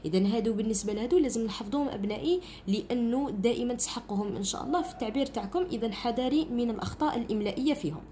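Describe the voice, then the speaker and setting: A woman teacher with an Algerian accent takes primary pupils through a grammar lesson step by step. She talks fast in a fairly high, animated voice with a warm, soft tone, and she keeps checking that the children understand. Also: a little hiss or hum. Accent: Algerian Arabic. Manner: explains step by step, often asks "understood?".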